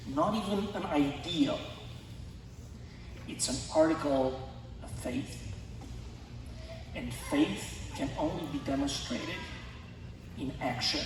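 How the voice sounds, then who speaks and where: A man from Romania giving an earnest, measured formal speech at a school concert. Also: mid-range voice, noisy background. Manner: measured, earnest, deliberate phrasing. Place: school auditorium. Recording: distant voice in a reverberant hall.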